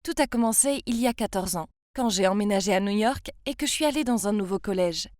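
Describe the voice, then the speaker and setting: A woman's voice: mid-range voice, expressive, fast, darkish tone, no room sound, studio quality. A woman in her twenties from France, narrating her own story in the first person with a confiding, emotional manner. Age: 20s.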